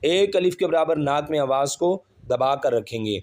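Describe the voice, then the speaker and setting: A male Quran reading teacher with a slightly raised pitch. He works through each letter and vowel mark aloud, one syllable at a time, then blends them into the whole word. Between the drills he explains the pronunciation rules patiently, in a plain lesson style. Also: lively intonation, darkish tone. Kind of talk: slow step-by-step recitation lesson.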